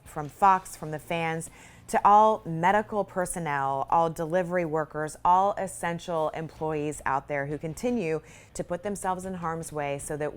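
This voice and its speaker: A woman in her thirties hosting a sports TV show, upbeat and quick, interviewing a guest and signing off. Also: low-pitched. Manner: upbeat, quick, laughs easily. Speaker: sports TV host.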